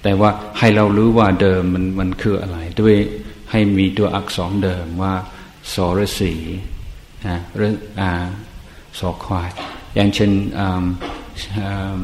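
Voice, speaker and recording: Male lecturer, slightly low voice, halting delivery, echoey hall recording. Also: little pitch movement, a little mellow, slight background noise. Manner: halting, many fillers and restarts, asks the class questions. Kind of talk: bilingual classroom lecture.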